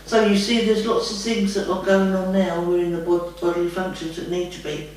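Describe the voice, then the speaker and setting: A woman's voice: on the low side, flat delivery, brisk, a little mellow. A woman speaking as a trance medium, answering questions in a homely, rambling way and calling the listener lovey. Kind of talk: spiritual guidance session, casual chat. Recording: very echoey room, far from the mic.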